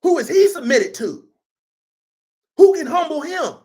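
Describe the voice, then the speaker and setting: A man's voice: extremely high pitch, sing-song, unhurried, darkish tone. A man preaching a sermon in an emphatic, conversational style and repeating himself for force. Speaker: pastor.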